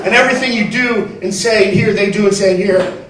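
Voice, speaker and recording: A man's voice: high voice, fairly quick, far from the mic, background noise, natural voice. A man doing a rambling homeless theorist. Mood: excited. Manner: excited, rambling. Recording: roomy club recorded from afar. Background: audience laughter.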